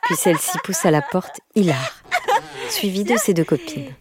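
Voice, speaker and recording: A woman reading a children's novel aloud in a measured, expressive narration. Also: medium pitch, very noisy. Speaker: audiobook narrator. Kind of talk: scripted storybook narration. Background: faint music.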